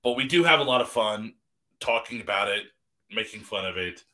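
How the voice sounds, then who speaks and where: A man's voice: on the low side, expressive, a little fast, sharp tone. A man co-hosting a podcast, chatting casually with a rambling, self-deprecating manner and lots of restarts. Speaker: podcast co-host.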